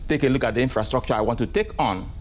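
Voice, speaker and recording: A man answering as a guest in an interview, measured and often checking in with "right?". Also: medium pitch, a little hiss or hum.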